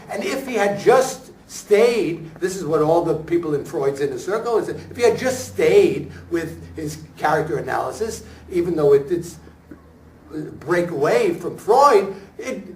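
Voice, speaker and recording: A high-pitched man, a stage actor at a talkback, speaks in an echoey room at a staged reading before an audience, picked up from some way off the mic with a little hiss or hum. Reflective and deliberate, he discusses a performance after the show, often breaking sentences into short, halting pieces with emphatic pauses.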